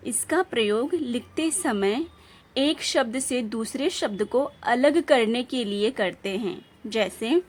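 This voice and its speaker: A woman teacher giving a patient lesson, reading example sentences aloud with clear emphasis. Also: a little high. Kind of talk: classroom lesson explaining punctuation.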